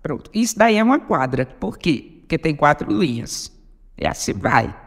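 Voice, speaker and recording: A woman hosting a podcast, giving a patient, deliberate spoken lesson on poetry and counting syllables aloud. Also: low-pitched, very animated, in a large hall. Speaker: podcast host teaching poetry.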